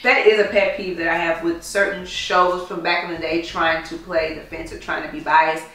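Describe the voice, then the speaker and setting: Outspoken woman cohost, bright and forceful, echoey room, mic far away. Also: fairly low pitch, flat delivery, normal speed. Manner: emphatic, outspoken. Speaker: podcast co-host. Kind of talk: casual chat.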